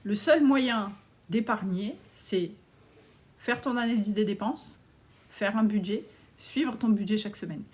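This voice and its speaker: A woman's voice: mid-range voice, measured pace, darkish tone. A woman, coaching on personal finance as she answers viewer comments on a live stream in a blunt, outspoken, casual way. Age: 40s.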